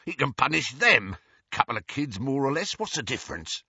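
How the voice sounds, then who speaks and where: A man shouting as an uncouth thug wizard. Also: sits high, very animated, moderate pace, slightly rough, no room sound, voice pushed up, full character voice. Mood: crafty. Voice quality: coarse, uneducated speech. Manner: shouting, snarling, panicky. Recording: dull dry lo-fi recording.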